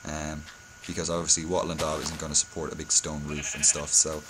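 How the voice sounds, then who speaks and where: A man's voice: very deep voice, completely flat delivery, a little fast, background noise. A hungover man giving a casual game-building tutorial, speaking hesitantly and often correcting himself. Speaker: video tutorial host.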